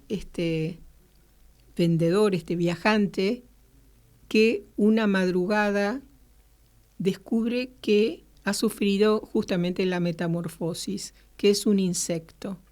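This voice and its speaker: A woman radio host, reading a novel aloud in a measured way and then commenting, with occasional hesitant fillers. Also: mid-range voice, a little mellow. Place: radio studio.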